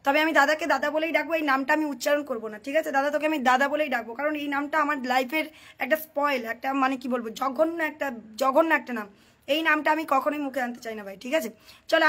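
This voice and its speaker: A woman hosts a casual live stream. She reads out comments and keeps urging viewers, over and over, to tap, share and mention friends. Her voice is high and she talks fast. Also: a bit bright.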